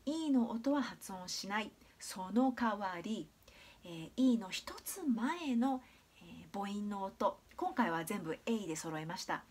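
A Japanese woman teaching English pronunciation in a video lesson, patient and clear, demonstrating sounds slowly with many drawn-out fillers. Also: medium pitch, expressive.

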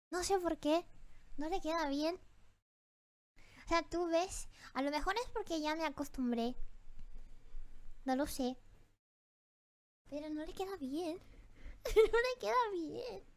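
A woman's voice: high voice, slow pace, pauses often. A young woman from Japan reacting on stream, flustered, exclaiming and repeating herself.

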